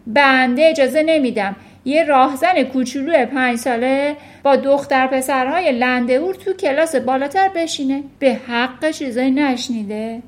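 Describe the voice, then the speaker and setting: A woman's voice: high voice, hardly any pauses, pitched above the performer's own voice, natural voice. A woman playing a bellowing tyrant headmistress. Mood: scornful bellowing. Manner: shouting, scornful, bellowing. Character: bullying towering headmistress, woman, furious.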